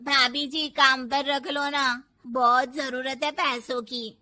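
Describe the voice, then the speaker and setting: A woman's voice: high voice, measured pace, sharp tone, heavily acted. A woman voicing a pleading, gossipy housemaid in a cartoon story.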